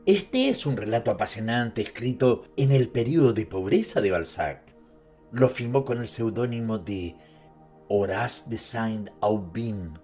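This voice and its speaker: A man with a fairly low voice narrates about literature at a very slow pace. He turns to the listener directly, mixing dramatized storytelling with conversational asides. Music plays softly behind him. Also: expressive. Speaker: narrator presenting an author's life and works.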